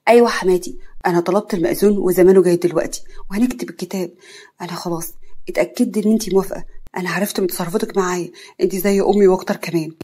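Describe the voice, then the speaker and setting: A woman's voice: lowish voice, fairly even intonation, rapid-fire, mellow, husky. A woman storyteller voicing a stubborn, devoted young man with an Egyptian accent, talking earnestly and insistently. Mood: determined. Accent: Egyptian Arabic.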